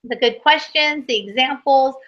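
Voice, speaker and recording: Encouraging woman host, somewhat high. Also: moderate pace, a bit bright, muffled recording. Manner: encouraging, articulate. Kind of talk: supportive feedback in an online workshop.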